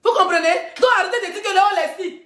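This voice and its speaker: High-voiced woman ranting, echoey room. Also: fast. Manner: mocking, loud, laughing through her talk. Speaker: blogger and influencer. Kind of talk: live social media rant.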